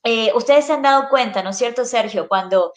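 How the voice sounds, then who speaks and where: Lady psychologist explaining stuff patiently, kinda high voice, roomy echo. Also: fairly quick. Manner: patient, explains with rhetorical tags. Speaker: child neuropsychologist guest. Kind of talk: explanatory interview answers. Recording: echoey room.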